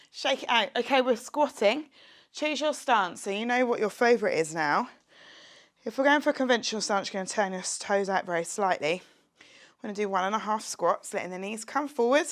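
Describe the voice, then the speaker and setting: Woman, young, fitness instructor; upbeat, chatty home workout coaching, works out while talking. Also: a little high. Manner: upbeat, encouraging, chatty with jokes; exercising while talking, drops to a whisper at times. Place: her home, near a street window.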